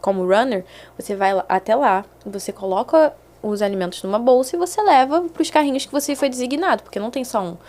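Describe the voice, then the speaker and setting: A woman's voice: on the high side, quick pace, hardly any pauses. A young adult woman, telling stories as a guest in a casual podcast chat and acting out the voices she quotes. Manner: animated, acts out quoted voices.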